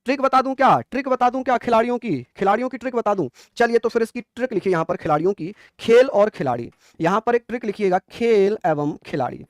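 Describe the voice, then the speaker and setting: A man's voice: sits high, lively intonation, fast talker, hardly any pauses, no room sound, clean studio sound. A man teaching an exam quiz class, coaxing answers and praising often.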